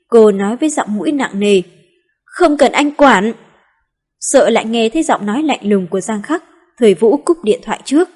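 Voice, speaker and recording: A woman narrating an audiobook in a steady, smooth reading. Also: on the high side.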